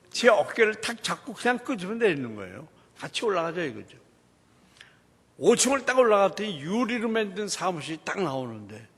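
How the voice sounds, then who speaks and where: A man, a church deacon, giving a lively testimony in a church setting and acting out the dialogue as he tells the story. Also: high voice, slightly rough, in a large hall.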